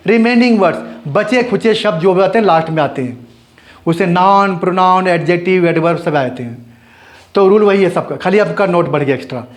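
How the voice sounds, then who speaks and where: A man teaching an English grammar lesson, explaining step by step and answering his own questions. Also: sits high. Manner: spells out letters slowly and repeats words.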